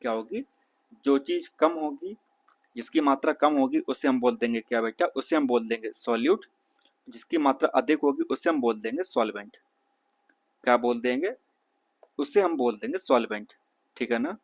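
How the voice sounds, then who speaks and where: A man teaching a science lesson, asking questions and answering them himself, calling listeners "beta" and reading English lines slowly. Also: mid-range voice. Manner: calls listeners "beta", checks "theek hai na"; reads English text slowly, then explains in Hindi. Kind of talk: exam-prep science lesson.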